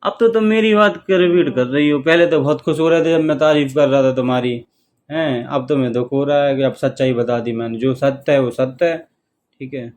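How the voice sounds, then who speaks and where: Teasing husband with faint background noise. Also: male voice, medium pitch, brisk. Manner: teasing, mock-wistful, pleads for quiet. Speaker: vlogger playing husband in comic sketch. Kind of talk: scripted comic couple banter.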